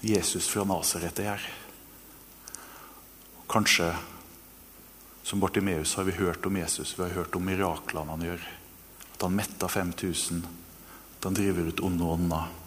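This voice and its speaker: Deep-voiced preacher in a reverberant hall. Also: male voice, long pauses. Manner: earnest, animated storytelling that later turns soft and hushed. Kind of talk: sermon with guided meditation. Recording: long reverb in a hall, faint noise.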